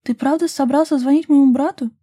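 A woman voicing a playful, teasing young woman in love, speaking high and loud in an audiobook. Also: steady tone, fast talker, dry recording, clean studio sound, lightly acted. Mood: eager.

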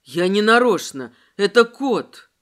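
A woman's voice: fairly low pitch, very animated, measured pace, pitched below the performer's own voice. Woman doing a flustered pleading man. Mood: panicky pleading. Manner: panicky, pleading.

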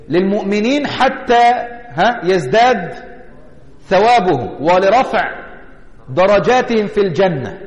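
A man with an Egyptian Arabic accent teaching a religious lesson as a sheikh, often asking his listeners rhetorical questions to check they follow. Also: sits high. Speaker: sheikh teaching a creed text. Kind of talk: religious lesson explaining a text. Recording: echoey hall with long reverb.

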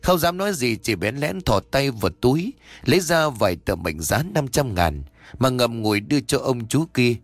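Animated male horror storyteller. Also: medium pitch, normal speed, dry recording. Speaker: narrator.

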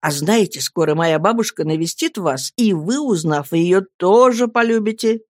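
A woman's voice: fairly low pitch, expressive, normal speed, a little mellow, no echo, studio quality. A woman voicing an earnest, lovestruck young man in a storybook reading, ardent and tender.

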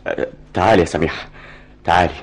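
A man's voice: lowish voice, sing-song, fast, husky. An actor with an Egyptian accent playing a nervous, evasive brother who snaps at his sister in a radio drama. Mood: tense. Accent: Egyptian Arabic. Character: tense jealous young brother, evasive and edgy.

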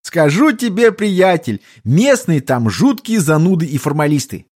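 Male reader doing a sly elf trickster, higher voice, glib and teasing. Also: sing-song, a little slow, darkish tone, breathy edge, heavily acted. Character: sly elf smuggler, young man, prankster.

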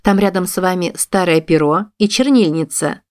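Woman reading cold calm villainess, low voice, measured, quietly menacing, audiobook. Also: clear, resonant tone, no room sound, studio quality, close to an everyday voice.

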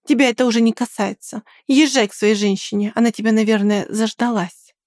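A woman's voice: on the high side, fairly even intonation, fairly quick, no echo, studio quality, lightly acted. A woman playing a fierce, protective young girlfriend. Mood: stern. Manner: sharp, threatening, then coaxing.

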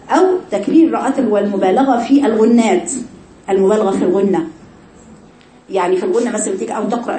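A woman's voice: medium pitch, mellow, echoey room, slight background noise. A woman with an Egyptian accent teaching Quran recitation rules to a class of women, asking rhetorical questions and demonstrating mistakes aloud. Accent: Egyptian Arabic. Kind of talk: tajweed lesson to women.

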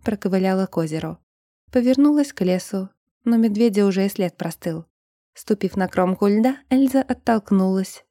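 A woman narrating a fantasy audiobook in a steady, even storytelling manner. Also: mid-range voice, no echo, clean studio sound.

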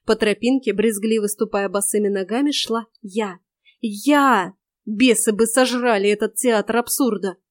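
A woman reading a first-person fantasy audiobook in a lively, wry, expressive way. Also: mid-range voice, measured pace, no echo, studio quality. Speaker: audiobook narrator.

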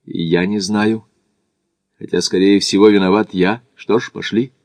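A man's voice: lowish voice, steady tone, moderate pace, darkish tone, dry recording, lightly acted. A man doing Macdonald, a weary grumbling traveler. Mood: resigned. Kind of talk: audiobook character voice.

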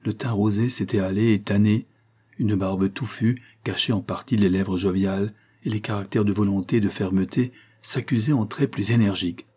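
A man reading a novel aloud in steady scripted narration. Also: on the low side, moderate pace, slightly rough. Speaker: audiobook reader.

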